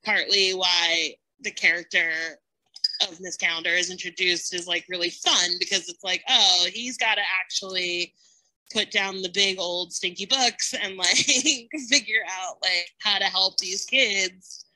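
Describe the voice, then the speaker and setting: Speaking at a measured pace with a sharp tone and medium pitch, this woman joins a podcast panel's casual chat about a TV show. She's effusive and wandering, saying "like" constantly, and the audio is poor.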